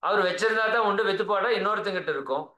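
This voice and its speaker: A high, bright-voiced man with a Tamil accent leads a spiritual talk over a video call. He speaks earnestly and coaxingly, checking in with his listeners again and again. His voice rings in an echoey room. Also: rapid-fire. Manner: earnest, coaxing, keeps asking "right?". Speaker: spiritual teacher.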